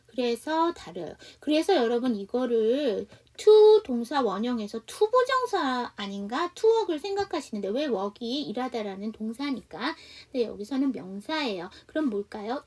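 A woman with a Seoul accent teaching an online English conversation lesson, patiently explaining and slowly modelling sentences. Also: on the high side, a little mellow, recorded from a distance. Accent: Seoul Korean.

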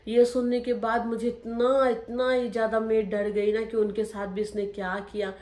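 A woman's voice: on the high side, flat delivery, normal speed, a little mellow. A young woman narrating her own life story to viewers, speaking emotionally and acting out what happened. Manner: emotional, talks straight to viewers and re-enacts scenes. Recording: roomy echo.

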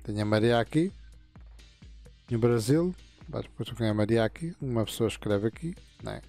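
A man's voice: medium pitch, lively intonation, creaky, mellow, faint music behind. A man, casually walking viewers through settings in a screen-recorded tutorial, meandering and restarting his sentences. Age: 50s. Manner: meandering, halting explanations with frequent restarts. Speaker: gaming channel host.

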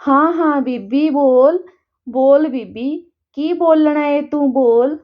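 A simple, plain-spoken woman coaxing gently, as a woman storyteller puts her on. The voice is high and slow. The recording is dull and lo-fi.

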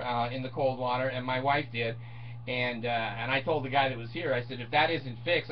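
An older man telling a story in a casual, sarcastic rant at home, laughing often as he talks. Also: medium pitch. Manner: laughs often, animated and sarcastic, mimics others. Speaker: vlogger. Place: small room at home, indoors. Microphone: webcam in front of him. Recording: dull distant webcam sound with faint hiss.

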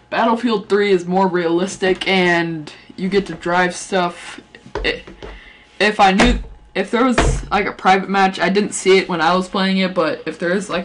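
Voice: mid-range voice, noisy background. A speaker ranting casually over game footage, rambling with lots of fillers and restarts and throwing in playful mock insults. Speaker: gaming channel host. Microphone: gaming headset mic or webcam mic.

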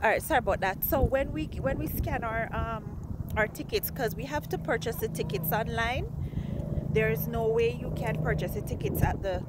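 A woman's voice: a little high, normal speed. A woman in her forties, chatty and repeating herself as she vlogs a zoo visit, filmed on a phone at arm's length on a windy day. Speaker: vlogger. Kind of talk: casual vlog. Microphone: phone held at arm's length. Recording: wind noise on a phone mic.

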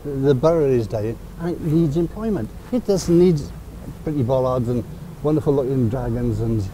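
A man's voice: medium pitch, lively intonation, normal speed, warm tone, poor audio. An older man answering interview questions outdoors. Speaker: local business forum leader, interviewee. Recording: clear outdoor noise behind.

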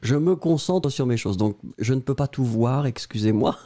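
Man, teacher, live-stream lesson, patient, spells words aloud, dark mellow tone. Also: mid-range voice, normal speed. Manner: patient, spells words letter by letter, stresses key words; answers viewer questions by name. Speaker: French teacher.

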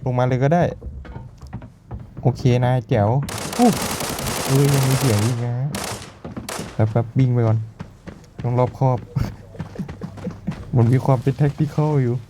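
A man's voice: mid-range voice, slow pace, pauses often, noisy background. A man with a Thai accent giving casual, chatty commentary while playing a shooter game, laughing often and explaining as he goes. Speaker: gaming YouTuber.

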